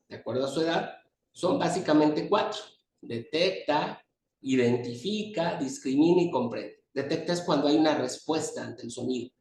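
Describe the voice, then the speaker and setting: A man's voice: fairly high pitch, darkish tone. A man giving a medical lecture at a pediatrics conference, explaining terms step by step and pointing at his slides. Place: conference hall. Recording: echoey hall, distant mic, faint noise.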